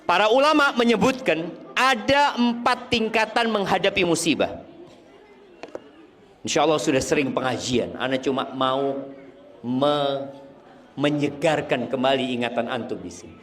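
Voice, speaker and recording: A man's voice: fairly high pitch, expressive, a little slow, pauses often, fairly bright tone, long reverb tail. A male preacher giving a sermon and quizzing his congregation.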